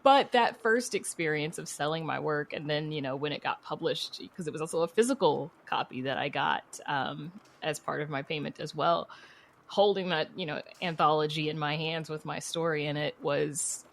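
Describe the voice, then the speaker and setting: A woman who creates podcasts and writes answers interview questions in an informal, chatty, storytelling style, laughing easily as she goes. Her voice sits low with vocal fry at a moderate pace, and the recording carries a little hiss or hum.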